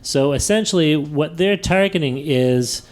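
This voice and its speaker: A man's voice: a little high, measured pace. A man hosting a tech podcast in casual chat, thinking aloud with many fillers and restarts, laughing easily. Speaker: podcast host.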